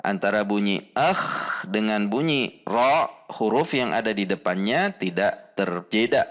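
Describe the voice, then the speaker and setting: Slow, deliberate Indonesian male teacher. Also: fairly low pitch, animated, a bit bright. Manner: slow, deliberate, demonstrates sounds repeatedly. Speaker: Quran reading teacher. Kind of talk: slow instructional lesson with pronunciation drills.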